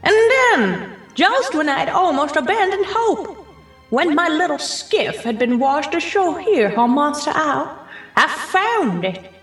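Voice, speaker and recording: A woman's voice: high voice, sing-song, takes it slowly, fairly bright tone, exaggerated voice. A woman playing the Mole Man, an embittered, boastful male villain who gloats theatrically in an amateur comic-book radio play. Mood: bitter, grandiose. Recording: roomy echo with music behind.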